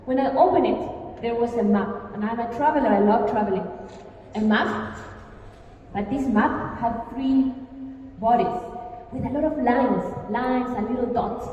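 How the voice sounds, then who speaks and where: A woman's voice: a little high, a little slow, slight background noise. Argentine woman speaking in an echoey hall. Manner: lively, engaging, asks the audience questions. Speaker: workshop speaker. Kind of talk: live stage talk. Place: large hall with a live audience. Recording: echoey hall, mic from a distance, dull sound, faint ambience.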